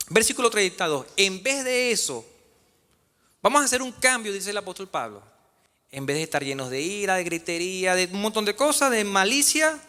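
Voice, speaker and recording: A man's voice: sits high, a bit bright. A man preaching a sermon as pastor, questioning his congregation in a church. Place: church sanctuary. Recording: reverberant church hall.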